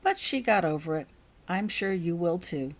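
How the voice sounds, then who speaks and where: A woman's voice: on the low side, lively intonation, moderate pace. A woman reading the part of a dreamy, unconcerned female magic-school professor in a storybook, serene and detached.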